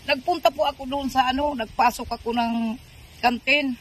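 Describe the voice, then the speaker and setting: This is an older woman with a very high voice who tells her story in halting, rambling bursts, full of fillers. She stays polite and adds respectful words. Faint noise sits under her. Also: steady tone. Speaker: interviewee. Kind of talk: casual storytelling.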